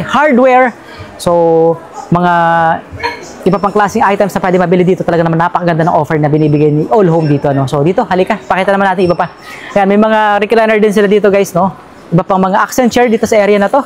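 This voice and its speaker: A woman's voice: mid-range voice, a little mellow. A woman with a Filipino accent giving a casual walkthrough vlog of a store sale, chatty and upbeat, reading out prices with lots of fillers and tag questions. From Philippines. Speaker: vlogger touring a store sale. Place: large indoor furniture store sale.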